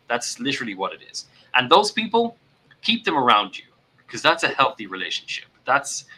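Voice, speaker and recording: An earnest man co-hosting a casual talk about mental health. His voice is very bright and forward, and he often repeats words as he gathers his thoughts. Now and then he acts out examples in a put-on voice. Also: mid-range voice, low-quality recording. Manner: puts on voices to act out examples. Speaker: podcast co-host.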